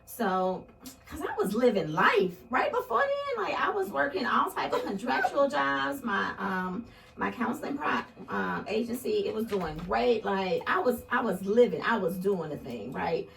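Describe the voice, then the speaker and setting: A woman's voice: a little high, sing-song, a little slow, gravelly, a bit bright, a little hiss or hum. A woman in her forties or fifties hosting a candid, casual chat, swearing freely and laughing often. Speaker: podcast host. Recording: roomy, mic at a distance, others chatting.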